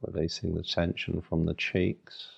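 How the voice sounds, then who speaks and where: Low, gravelly man guiding a meditation. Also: monotone, highs cut off. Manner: soothing, unhurried instruction in short phrases with long pauses. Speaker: meditation guide. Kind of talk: guided meditation.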